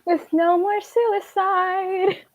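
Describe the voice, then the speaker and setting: A woman's voice: very high-pitched, level tone, extremely slow, dull audio, full character voice. A woman voicing a gushing, chirpy TV host in a sing-song voice in a table read of a screenplay.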